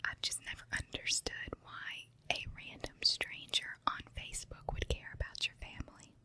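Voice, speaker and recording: A woman whispering very close to the mic, ear to ear, in an unhurried, confiding ASMR ramble. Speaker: ASMR video creator. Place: room at home with carpet and window. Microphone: handheld recorder with foam windscreen on tripod, very close.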